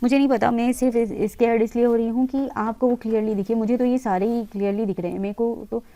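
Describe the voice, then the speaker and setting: A woman runs a screen-recorded design software lesson, patiently explaining each step. Her voice sits a little high but sounds mellow and soft-edged. She slips English technical terms into her explanations. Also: steady tone, fast talker. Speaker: interior design instructor.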